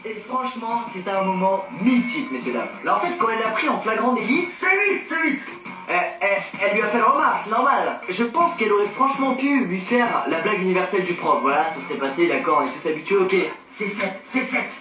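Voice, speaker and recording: A man's voice: sits high, animated, quick pace, few pauses. A young man giving playful, ironic vlog commentary. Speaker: youtuber. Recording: far-off, very echoey, loud music behind.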